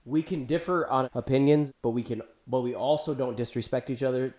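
A man's voice: mid-range voice, brisk, darkish tone. Earnest lecturing man, echoey room. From Chicago. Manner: earnest, lecturing, keeps talking over others. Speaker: podcast host. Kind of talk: casual podcast chat.

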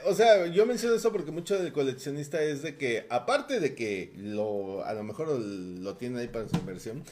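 A man's voice: medium pitch, expressive, moderate pace, a little mellow. A man co-hosting a casual retro gaming podcast, rambling with many fillers and acting out quoted posts. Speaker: podcast co-host. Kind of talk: casual chat.

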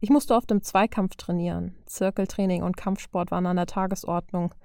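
A woman's voice: lowish voice, fairly even intonation, brisk, creaky, a little mellow, no room sound, clean studio sound. A woman reading the lines of a cheeky, cocky young female fighter who jokes a lot, in an audiobook. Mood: joking. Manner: cheeky, joking. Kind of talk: audiobook character voice.

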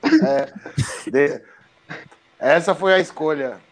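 A man's voice: fairly high pitch, expressive, drawn-out words. A Brazilian man chatting casually as a podcast guest, laid-back, slangy and prone to swearing. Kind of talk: casual chat.

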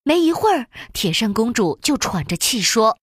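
A woman narrating a children's storybook in an expressive, sing-song storytelling way. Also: on the high side, normal speed, husky, no room sound, clean studio sound.

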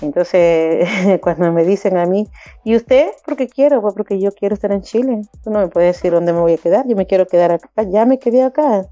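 Woman around fifty, passionate, mellow tone, dry sound, interview guest. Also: mid-range voice, a little fast, no room sound, soft background music. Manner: passionate, acts out others' voices with laughter. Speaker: migrant community organizer, guest. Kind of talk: animated interview talk.

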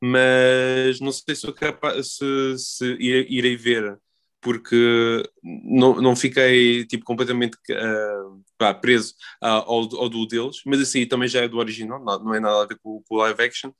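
A man's voice: mid-range voice, little pitch movement, moderate pace, fairly bright tone. A man with a European Portuguese accent hosting a casual podcast chat, informal and often circling back over his phrases. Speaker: podcast host.

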